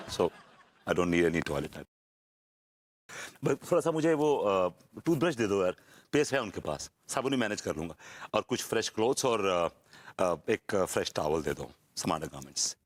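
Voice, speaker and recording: A man's voice: lowish voice, lively intonation, normal speed, pauses often, natural voice. An actor playing a pompous husband who drops English phrases while he argues and wheedles in a TV sitcom. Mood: wheedling. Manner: mixes English into pleading, pompous. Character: pompous self-important husband. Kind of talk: TV sitcom acting.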